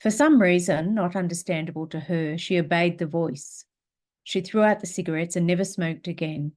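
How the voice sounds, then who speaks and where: Low-voiced calm woman guiding meditation. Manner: slow, calm, gentle guidance. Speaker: spiritual teacher. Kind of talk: guided meditation and reading aloud.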